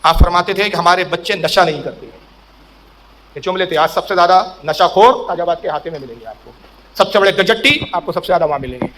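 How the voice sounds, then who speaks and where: Middle-aged guy giving a storytelling sermon, fairly high voice, acts out the characters, gets emphatic. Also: slight background noise. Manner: animated storyteller, acts out quoted saints and characters; rising to a raised pitch and emphatic voice in climactic sayings. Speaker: preacher. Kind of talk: Urdu religious sermon with storytelling.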